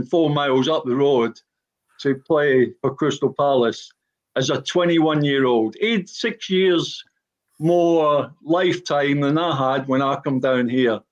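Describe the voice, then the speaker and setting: A man's voice: medium pitch, highs cut off. An older man from Glasgow with a broad Scottish accent, a former footballer talking bluntly about his life as a podcast guest. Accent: broad Glaswegian Scottish. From Glasgow, Scotland. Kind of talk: personal reminiscence on a panel talk.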